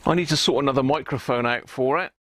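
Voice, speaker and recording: A British man chats live to viewers about his CB radio hobby from an indoor radio room, rambling and thinking aloud with matey asides. His mid-range voice is fast and a little bright, with no room sound.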